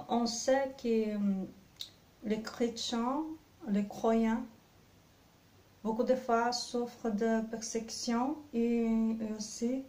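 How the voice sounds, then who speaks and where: Woman Bible teacher, non-native French accent, unhurried devotional reading and reflection, slightly high, mellow. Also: roomy sound. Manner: slow, careful phrasing with pauses.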